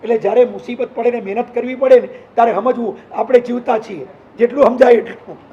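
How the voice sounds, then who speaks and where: Monk preacher, male, high voice, emphatic, acts out stories; muffled lo-fi recording. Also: fast talker. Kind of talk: sermon with storytelling.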